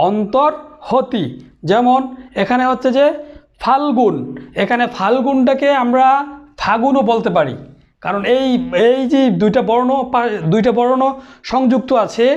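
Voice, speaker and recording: A man with a very high voice teaches a grammar lesson, working through each rule slowly and repeating the key terms. He often restarts his sentences. The recording sounds dull and lo-fi. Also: darkish tone. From Bangladesh. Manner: explains step by step, repeats terms, many restarts. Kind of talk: recorded lecture.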